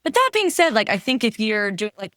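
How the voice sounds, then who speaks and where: A woman's voice: on the high side, sing-song, brisk, sharp tone, dry recording, clean studio sound. A woman physical therapist, a podcast guest, explaining things in a thoughtful, casual way. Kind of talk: casual interview talk.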